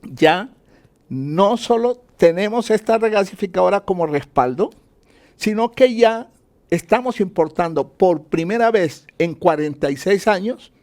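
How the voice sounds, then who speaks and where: A man's voice: high-pitched, expressive, unhurried, darkish tone. A man speaking as an economist in an interview, explaining point by point and answering his own questions. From Colombia. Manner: didactic, poses questions and answers them, enumerates points.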